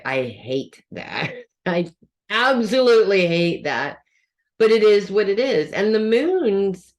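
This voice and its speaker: A mid-pitched voice reading weekly horoscopes in a relaxed, chatty way. It checks in with listeners as it goes and slips in dry, sarcastic asides. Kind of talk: casual spoken horoscope reading.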